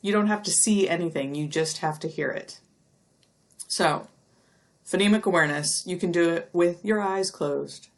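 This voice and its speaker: Woman lecturer, middle-aged, slightly low pitch, patient explaining, drawn-out demo sounds. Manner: explanatory, stretches out speech sounds slowly for demonstration. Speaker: university lecturer. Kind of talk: recorded lecture.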